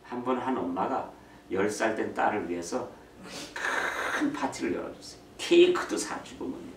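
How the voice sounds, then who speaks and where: Middle-aged man, lively talk in an echoey hall. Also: fairly low pitch, normal speed, slight background noise. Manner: lively storytelling, acts out quotes; mixes in English phrases. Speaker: speaker on parenting. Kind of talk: church talk on raising children. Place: church hall. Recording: roomy echo from far mic, faint ambience.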